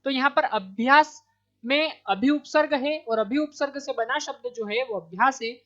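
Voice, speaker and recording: Woman exam tutor, slightly high voice, patient and repetitive, on muffled lo-fi audio. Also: normal speed, a bit bright. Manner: explains step by step, repeating answers with "ठीक है". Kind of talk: online exam-prep lesson. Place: Madhya Pradesh, India. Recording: dull lo-fi recording.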